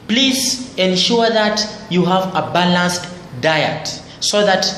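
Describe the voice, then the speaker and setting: A man's voice: a little high, a bit bright. Man teaching biology in an echoey room. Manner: repetitive explanatory teaching, phrases restated for emphasis. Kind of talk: biology lecture. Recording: very echoey room, faint background noise.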